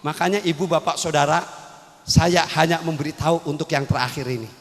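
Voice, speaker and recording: A man's voice: a little high, fairly quick, long reverb tail. A man preaching a humorous Islamic sermon, teasing and joking with his audience and calling out to them. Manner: teasing, playful, calls out to the crowd.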